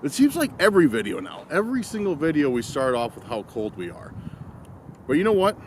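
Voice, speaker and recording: A man's voice: a little high, wildly swooping pitch, brisk, slight background noise. A man out in the cold at night, vlogging to a handheld camera in a rambling, easygoing way. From Illinois. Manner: rambling, easygoing, self-correcting. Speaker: vlogger exploring outdoors. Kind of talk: casual chat to camera.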